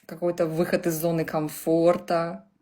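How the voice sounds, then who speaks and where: A woman's voice: fairly low pitch, completely flat delivery, moderate pace, dark tone. A woman in her thirties, a client on a video call, answering hesitantly and searching for words. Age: 30s. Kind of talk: casual conversation.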